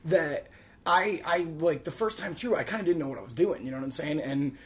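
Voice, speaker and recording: A man's voice: fairly high pitch, a little fast. A man in his thirties hosting a casual podcast chat, talking loosely with lots of fillers, laughing often and swearing freely. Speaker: podcast host.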